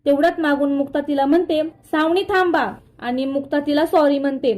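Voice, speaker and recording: High-voiced woman recapping a serial. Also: steady tone, fast talker, warm tone. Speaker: narrator. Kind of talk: retelling a TV serial episode.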